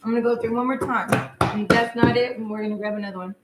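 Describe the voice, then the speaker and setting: A woman's voice: fairly high pitch, fairly even intonation, fast. Chatty woman reading tarot live. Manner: chatty, casual, laughs often and talks to viewers. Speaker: tarot reader. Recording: echoey room with faint noise.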